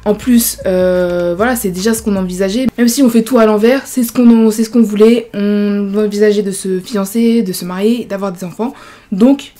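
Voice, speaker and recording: A twenty-something YouTuber shares her story in a chatty storytime vlog, full of fillers such as "genre" and "voilà." Her mid-range voice stays steady and mellow at a normal pace.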